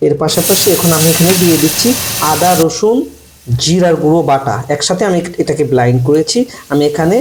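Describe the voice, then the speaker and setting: High-voiced man teaching a cooking recipe. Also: darkish tone, slight background noise. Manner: slow, repetitive, instructive. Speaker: cooking channel host. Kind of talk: step-by-step cooking instruction. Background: frying and sizzling from the pan.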